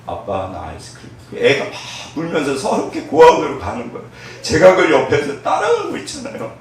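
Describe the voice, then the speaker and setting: A man preaching a sermon as pastor, telling a story with big swings between loud and hushed speech. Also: a little high, huge pitch swings, fairly quick, a little hiss or hum. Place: church sanctuary. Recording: very echoey hall, voice from far off.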